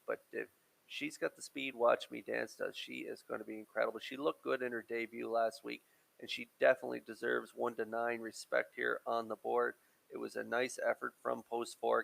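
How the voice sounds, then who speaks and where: Male horse racing analyst, heavy vocal fry, flat intonation, informal preview commentary. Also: mid-range voice, low-quality recording. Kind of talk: conversational race preview commentary.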